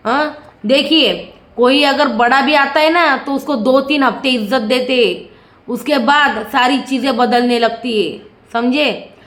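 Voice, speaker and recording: A woman with a high, bright-pitched voice delivers opinionated commentary on a reality show. She sounds indignant and keeps asking rhetorical questions. Her voice bounces around an echoey room. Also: unhurried.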